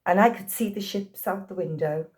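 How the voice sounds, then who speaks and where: An actress in her sixties, from Liverpool, England, talks at a normal speed in a voice on the low side with a darkish tone. In a Liverpool accent she chats through a casual storytelling interview, laughing frequently as she recounts anecdotes.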